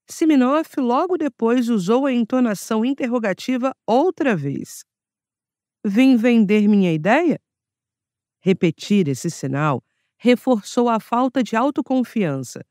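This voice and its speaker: Animated Brazilian woman narrating an audiobook. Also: medium pitch, dry recording, studio quality. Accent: Brazilian Portuguese. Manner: clear, measured nonfiction reading. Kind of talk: scripted narration.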